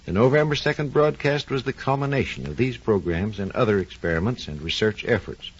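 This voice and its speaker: On a muffled, lo-fi 1940s radio recording, an American man acting as a research engineer presents a scripted science program in a formal, explanatory style. His lowish voice is expressive and a little fast, with a breathy edge.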